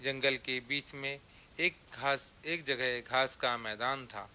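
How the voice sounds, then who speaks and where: A man narrating a children's story in a slow, measured way. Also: mid-range voice, fairly even intonation, pushed and bright, slight background noise.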